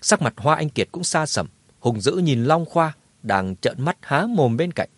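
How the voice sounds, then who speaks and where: A man narrating a martial arts novel in a dramatic, lively telling. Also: on the high side, unhurried, no echo. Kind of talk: scripted audiobook narration.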